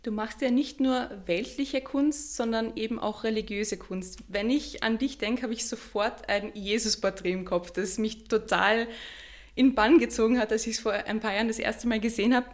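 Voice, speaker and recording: A woman's voice: on the high side, moderate pace. Woman hosting a podcast interview. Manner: friendly, clearly phrased questions. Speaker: podcast host, editor.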